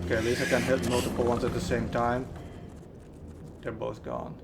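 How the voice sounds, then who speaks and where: A man giving informal, expressive, slangy commentary on a video game, mixing play with review remarks. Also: mid-range voice, normal speed, creaky, very noisy.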